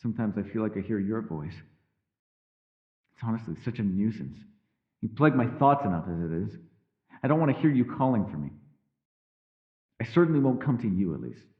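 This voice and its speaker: With a fairly low pitch and big swings in intonation, a man plays a powerful, secretive elf for fantasy ASMR, using stately, old-fashioned words that move from teasing to world-weary. The audio has phone-like quality, and the mood is weary and brooding.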